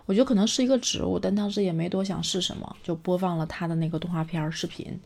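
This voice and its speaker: A woman's voice: on the low side, fast, gravelly. Chatty woman retelling a cartoon. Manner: chatty, animated, with fillers. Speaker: storyteller.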